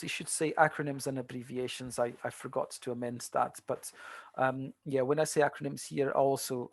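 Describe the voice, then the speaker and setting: Gravelly-voiced man teaching translation. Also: medium pitch, no room sound, studio quality. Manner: conversational, many fillers and restarts. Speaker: translation tutor. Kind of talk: online seminar lecture.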